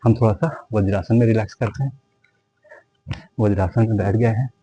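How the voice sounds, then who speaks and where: A man with a Hindi accent and a warm, slightly rough voice on the low side guides viewers through yoga at a moderate pace. He counts breaths, repeatedly addresses them as friends, and reassures them to go easy and rest when tired without straining. The rough recording has no echo.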